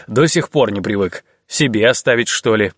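A man voicing a brash, jolly driver, loud and high. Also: moderate pace, breathy edge, no room sound, clean studio sound. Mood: cheerful. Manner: slangy, cheerful, boastful.

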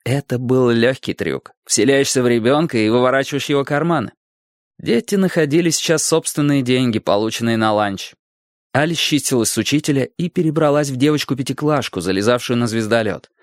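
A man narrates a story in a steady, even way. His voice sits in a middle range. The recording is dry and close, with no room sound. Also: medium pitch, brisk, dry recording. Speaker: audiobook narrator. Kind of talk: scripted narration.

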